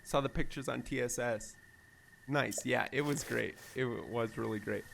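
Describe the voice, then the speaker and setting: A man's voice: mid-range voice, moderate pace, creaky. A man, a variety streamer, chatting casually and upbeat while playing a game live and thanking viewers. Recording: loud background noise.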